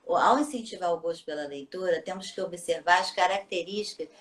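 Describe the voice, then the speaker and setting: Her voice sits on the low side and moves a little fast. The teacher and children's book author explains patiently in a relaxed live interview, frequently closing her sentences with tag questions.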